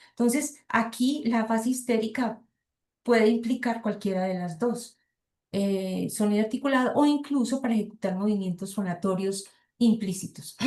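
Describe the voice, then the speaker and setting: In an echoey room, a middle-aged Colombian Spanish-accented woman with a medium-pitched, dark-toned voice delivers an academic lecture. She alternates between reading passages aloud and thinking out loud, with frequent hesitations and rhetorical remarks aimed at her audience.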